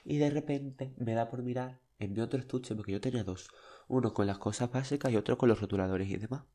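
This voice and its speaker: Talking fast in a warm, medium-pitched voice, a young man hosts a podcast and spins childhood stories. The monologue is casual, and his style is chatty, flamboyant and dramatic.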